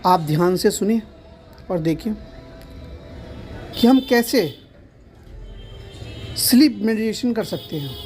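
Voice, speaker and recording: A man's voice: sits high, animated, takes it slowly, pauses often, darkish tone, faint music behind. A man teaching meditation in an earnest, explanatory way, often repeating himself. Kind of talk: instructional talk to camera.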